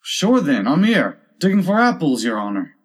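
A man's voice: a little high, sing-song, normal speed, pitched above the performer's own voice. A man voicing a plodding, deferential storybook servant. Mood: humble, stubborn. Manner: deferential, simple. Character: humble, plodding Irish servant Pat.

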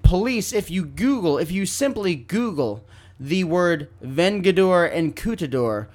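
A man co-hosting a podcast in casual comedic chat, telling the story in a dry, deadpan way. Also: a little high. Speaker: podcast co-host.

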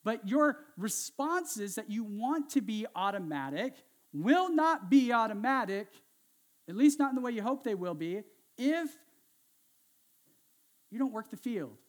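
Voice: medium pitch, very animated, measured pace. A pastor giving a casual, conversational sermon, asking the congregation questions and adding sarcastic, self-mocking asides.

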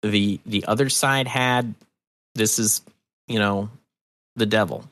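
An American man from New Hampshire chats as a podcast guest, telling anecdotes emphatically and with strong opinions, swearing often. His lowish voice is steady and fairly bright in tone, and he takes it slowly. There's no room sound in the recording.

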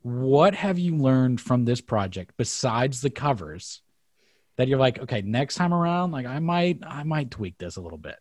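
A man's voice: mid-range voice, sing-song, moderate pace, a little mellow, no echo, studio quality. A young man hosting an interview podcast, conversational and enthusiastic, with plenty of "you know"s. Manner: enthusiastic, conversational, many fillers. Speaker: podcast host. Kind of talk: casual interview chat.

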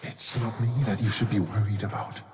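A man voicing a sly, inhuman shadow creature that coaxes in a hushed, half-whispered way. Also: fairly low pitch, steady tone, moderate pace. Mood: coaxing menace. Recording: long hall reverb with clear noise.

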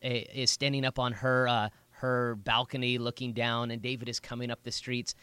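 A man, a pastor, co-hosting a casual Bible podcast, telling stories with animated energy and slipping into a preacher voice. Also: medium pitch, moderate pace, clean tone, no room sound. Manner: animated storyteller, drifts into a preacher voice.

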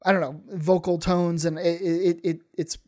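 A man's voice: a little high, little pitch movement, normal speed, a little mellow. Rambling man in casual podcast chat. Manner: rambling, many fillers and restarts. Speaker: comedian.

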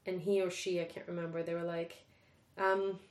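Chatty woman, low voice, echoey. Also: level tone, moderate pace. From Sweden. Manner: candid, chatty, swears freely, laughs while talking. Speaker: guest. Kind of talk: casual conversation. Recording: echoey room.

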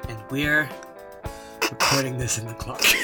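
A man's voice: medium pitch, wildly swooping pitch, takes it slowly, loud music behind the voice. A man co-hosting a podcast in dry, wry banter, recorded on a close mic inside a small clothes closet. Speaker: podcast co-host. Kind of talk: casual banter. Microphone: close podcast microphone.

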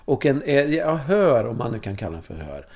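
A man in his fifties from Sweden, a course leader telling personal stories in an interview in a casual, animated way. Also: mid-range voice. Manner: animated, casual, swears, tag questions. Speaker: course leader in sexuality and breathwork.

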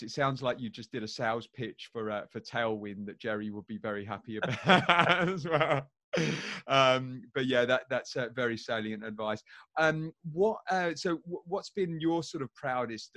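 A man's voice: medium pitch, fairly bright tone, dry recording. A man hosting a casual interview, asking questions with many ums and restarts. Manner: hesitant, full of ums and restarts. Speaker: host, interviewer.

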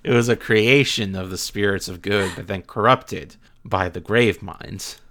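A woman's voice: rumbling low, a little slow, background noise. A woman co-hosting a casual podcast chat, reading listener emails with playful asides. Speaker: podcast co-host.

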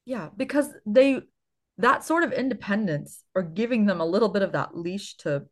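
A woman co-hosts a parenting podcast in easy, casual conversation. Her voice sits at a middle pitch, and she keeps it animated, laughs often and fills her thinking with "like" and "you know." It comes across as friendly, informal talk. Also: moderate pace.

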